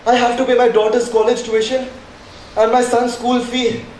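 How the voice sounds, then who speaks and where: A man's voice: extremely high pitch, flat delivery, moderate pace, a little mellow. A man playing an anxious father in a school stage play, with a pleading, despairing manner. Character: worried middle-aged father, distraught. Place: large school hall. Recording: echoey hall from far off, faint noise.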